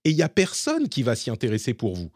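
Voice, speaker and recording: A man's voice: mid-range voice, wildly swooping pitch, quick pace, a little mellow, slightly rough, no room sound, clean studio sound. A man hosting a casual tech podcast, chatting as he explains and demonstrates tools live. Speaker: podcast host.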